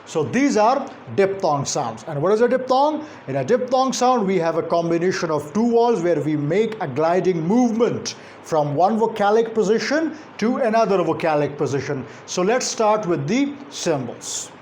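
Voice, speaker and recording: A man teaching English pronunciation, speaking deliberately and repeating example sounds slowly. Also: sits high, big pitch swings, darkish tone, a little hiss or hum. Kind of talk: phonetics lecture.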